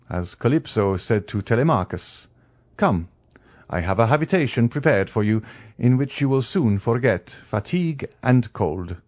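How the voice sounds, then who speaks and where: A man's voice: mid-range voice, darkish tone, no room sound, studio quality, voice pushed up. A man voicing a genial, worldly Count with courtly, formal phrasing and a hint of melancholy, in a classic novel audiobook.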